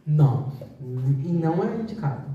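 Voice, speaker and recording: A woman speech therapist talks a choir through voice exercises in a relaxed, practical, explanatory way. Her voice is dark and mellow and sits a little low. It comes from across a very echoey room. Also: moderate pace, recorded from a distance, dull audio. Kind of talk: informal talk to a choir.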